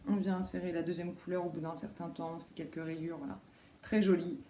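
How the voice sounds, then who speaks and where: Chatty woman with a mellow, roomy voice. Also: fairly low pitch, flat delivery, a little fast. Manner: rambling, many fillers and self-corrections. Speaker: knitting vlogger. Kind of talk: casual show-and-tell chat. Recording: roomy echo, faint background noise.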